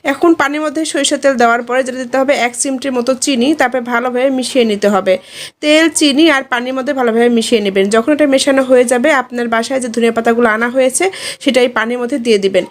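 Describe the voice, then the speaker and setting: High-voiced woman narrating home remedies. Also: quick pace. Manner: steady, explanatory, addresses viewers directly. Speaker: home tips vlogger. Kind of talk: instructional voice-over.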